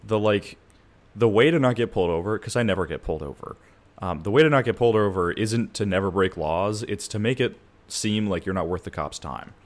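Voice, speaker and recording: A man's voice: lowish voice, expressive, brisk. A man co-hosting a podcast in casual comedic chat, blunt and swearing freely as he tells stories. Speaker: podcast co-host.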